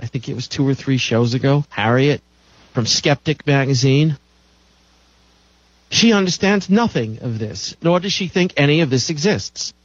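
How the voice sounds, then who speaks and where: A man's voice: on the high side, no room sound, dull audio. A man hosting a call-in radio show, lecturing in an emphatic way and repeating phrases for stress.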